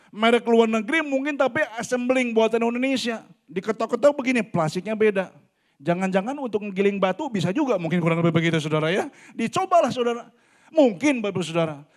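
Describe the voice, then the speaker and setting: A man in his forties preaching a sermon in a church, talking animatedly and often addressing the congregation directly. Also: very high voice. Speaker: pastor. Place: church hall.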